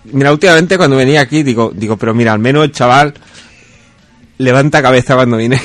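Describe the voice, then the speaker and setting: A man's voice: medium pitch, fast talker, dry recording, faint music behind. A man co-hosting a radio show, teasing and sarcastic in casual banter.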